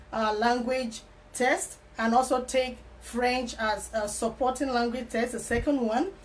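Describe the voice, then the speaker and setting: A woman working as an immigration consultant, giving earnest advice to camera, repeating key words with frequent fillers and restarts. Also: fairly high pitch. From Canada, living in Alberta. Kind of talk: explanatory advice talk to camera.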